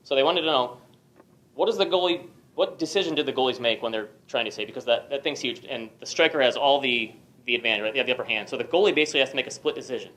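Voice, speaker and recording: Fast-talking man giving a talk. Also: medium pitch, bright, forceful tone. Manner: quick, conversational, with repeated restarts and "right?". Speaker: speaker at an economic club. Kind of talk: conference talk on investing. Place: lecture venue with an audience.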